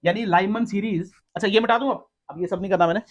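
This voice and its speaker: A man's voice: sits high, fast talker. A man teaching physics in a classroom lecture. He keeps firing questions at his students, teasing them and scolding them as he goes. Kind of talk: classroom lecture with call-and-response.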